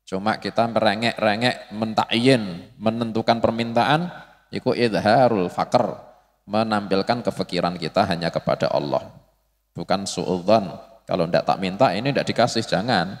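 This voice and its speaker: A man giving a religious study lecture, explaining slowly and acting out prayers in a raised, pleading voice. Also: fairly low pitch. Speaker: religious teacher. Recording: long hall reverb.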